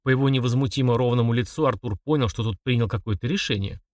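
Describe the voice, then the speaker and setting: Brief: male audiobook narrator, measured thriller reading, mid pitch, dry close sound. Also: dry recording, distant mic. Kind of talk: scripted narration.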